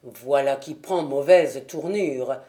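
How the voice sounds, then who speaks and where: A woman voicing a calm, shrewd male detective in a French audiobook. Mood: grave. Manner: measured and low.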